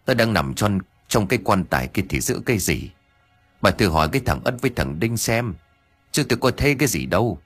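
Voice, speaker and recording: A grieving middle-aged father, low-voiced and patient, as a male storyteller reads him. He speaks in a gentle, soothing way, with a lively rise and fall to his lines. Faint music sits behind him. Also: fairly quick, husky, no room sound, heavily acted. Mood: steady.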